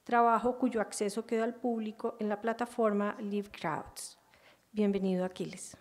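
A woman's voice: medium pitch, fairly even intonation, moderate pace. A middle-aged woman reads a formal speaker introduction from paper at a conference podium, with an occasional stumble. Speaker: conference presenter, library director. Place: auditorium, indoors. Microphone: gooseneck podium microphone.

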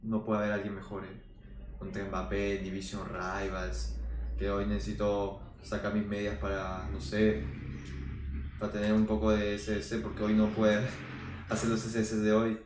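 A young man from Peru, commentating his own football video game as a reviewer and bursting into loud shouts over goals. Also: on the low side, completely flat delivery, measured pace, a little hiss or hum. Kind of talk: gameplay commentary. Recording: echoey room with music behind.

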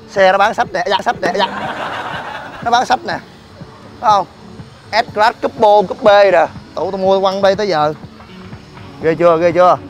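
A man vlogging next to his car, talking in a casual, exasperated and joking way, full of slang. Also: high-pitched. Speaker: vlogger and gym owner. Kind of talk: casual complaining vlog. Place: outdoors by a car at a gym.

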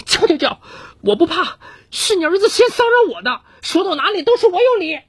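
Man doing a tearful young saleswoman, shrill, indignant, very high falsetto, lively swings. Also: brisk, no room sound, clean studio sound, full character voice. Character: upset young woman shop clerk, tearful, indignant.

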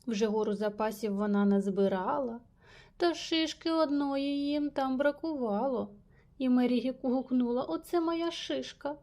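A woman reading a rhyming children's story aloud with lively, playful emphasis. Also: a little high, normal speed. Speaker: reader.

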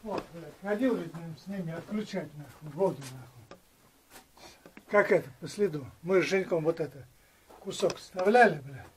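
A man's voice: sits high, normal speed, long pauses, slight background noise. A man on a plumbing crew grumbling about a leak and swearing constantly in casual work chat. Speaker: plumbing worker. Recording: echoey room, from far off.

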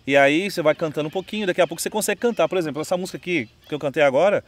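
A man's voice: a little high, very fast. A Brazilian man with a Brazilian Portuguese accent, teaching singing in a casual video lesson, chatty, often checking in with "entendeu?". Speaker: music teacher. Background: his own guitar playing.

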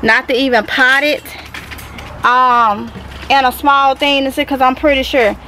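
A woman's voice: sits high, little pitch movement, a little slow, bright, forceful tone, a little hiss or hum, poor audio. A woman from Mississippi with a Southern accent, chatting casually to her viewers while she works in a small greenhouse, repeating herself and calling them y'all. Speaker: gardening vlogger. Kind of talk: casual talk to camera while gardening. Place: small greenhouse tent, outdoors.

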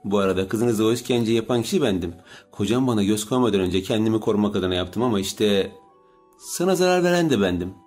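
A man's voice: lowish voice, lively intonation, fast, a little mellow, faint music behind, close to an everyday voice. A man voicing an obsessive, pushy young woman in an audiobook, with a raised, pleading delivery. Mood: taunting. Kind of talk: audiobook character reading.

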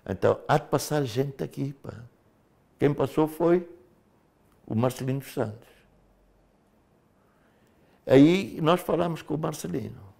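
A man's voice: on the high side, a little slow, vocal fry, pauses often. Older man telling stories with gusto. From Mozambique. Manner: animated storyteller, drops "pá" fillers. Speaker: former liberation fighter, guest. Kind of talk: studio interview, reminiscing. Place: TV studio.

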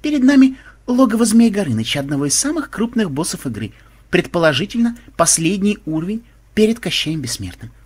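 A man's voice: high voice, big pitch swings, fairly quick, breathy edge, pitched above the performer's own voice, full character voice. A man voicing a sugary young woman reporting on a game for an audiobook. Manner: syrupy, presenter-like delivery.

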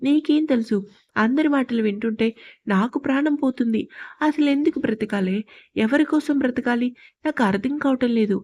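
A tearful, proud young woman, read out by a woman storyteller, pleading one moment and snapping back the next. The reader's voice sits slightly high and plain, barely changed for the character. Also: a little mellow. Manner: tearful, pleading, quick to flare up.

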